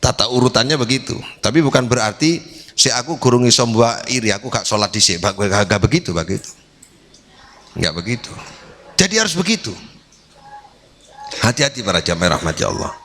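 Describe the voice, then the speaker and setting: A man's voice: mid-range voice, lively intonation, brisk, pauses often, fairly bright tone. A male kyai, preaching a sermon to his congregation in an emphatic, repetitive way. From East Java. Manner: emphatic, repetitive, switching into Javanese asides. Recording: long reverb of a hall.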